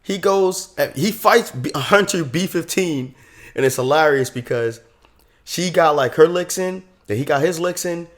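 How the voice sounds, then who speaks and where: A man's voice: fairly high pitch, unhurried. A man giving a casual, enthusiastic spoiler review of a show, chatty and slangy.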